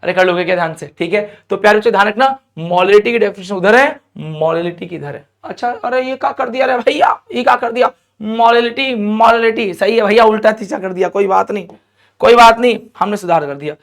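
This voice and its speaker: High-voiced man teaching a lively lesson. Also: creaky. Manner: lively, coaxing, often asks students questions; stretches out key terms slowly. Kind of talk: classroom lecture to students.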